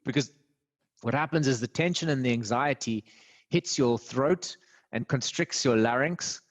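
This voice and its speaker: A man speaking as a guest on a podcast, sharing voice-training advice with animated energy. His delivery swings in pitch and volume for emphasis. He talks like a working voice actor who is coaching the listener. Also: normal speed. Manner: explanatory, animated, laughs easily. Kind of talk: conversational interview.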